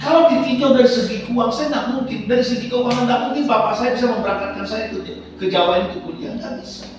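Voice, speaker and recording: A man's voice: very high voice, quick pace, slight background noise. An older man from Sumatra preaching a sermon, telling personal stories and calling the congregation "saudara" again and again. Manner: addresses the congregation as "saudara" constantly. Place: church hall. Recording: echoey hall from far off with music.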